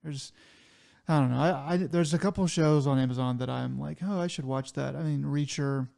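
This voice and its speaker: Gravelly, mellow-voiced man. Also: fairly high pitch, moderate pace. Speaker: podcast co-host. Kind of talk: casual chat.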